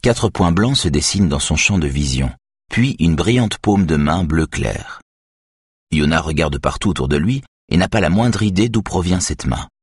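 A man reading a crime novel aloud as narrator, in a steady, even way. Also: deep voice, normal speed, husky, no room sound, studio quality. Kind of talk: audiobook narration.

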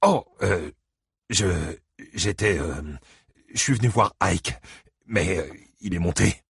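Man voicing gruff older granddad, deep husky, hesitant, dry close read. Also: moderate pace, no echo. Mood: awkward. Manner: hesitant, stumbling speech.

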